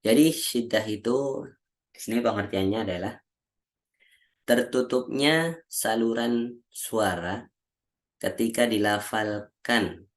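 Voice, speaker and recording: A male Quran recitation teacher giving a lesson on how Arabic letters are pronounced, slowly drilling syllables one by one and often clearing his throat, over a video call. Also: on the low side. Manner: slow, patient, repeats each syllable aloud as a drill.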